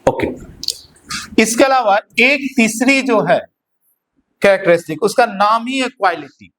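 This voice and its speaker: A man teaching a physics class in a Hindi-English mix with an Indian accent, dictating notes slowly and often asking students whether they follow. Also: high voice, lively intonation, fairly bright tone. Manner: slow dictation of notes, checks understanding with repeated questions. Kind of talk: classroom lecture.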